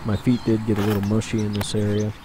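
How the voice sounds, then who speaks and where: Here a man with a fairly low voice speaks quickly and completely flat, with background noise behind him. He's an urban explorer doing loose, conversational voice-over for his own exploration footage, wandering along with lots of filler words.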